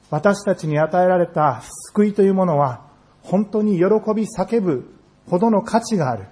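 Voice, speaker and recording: Man, pastor, sermon, church sanctuary, earnest and measured, slightly high voice. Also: dark tone. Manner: measured, earnest preaching with slow emphatic phrases.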